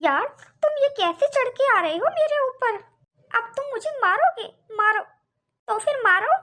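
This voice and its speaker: A sharp-tongued young wife complains and argues in this cartoon, as a woman voices her. Her voice is very high and piercingly bright, with a tense edge. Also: moderate pace, full character voice. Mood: angry. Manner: complaining, argumentative. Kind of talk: cartoon voice acting.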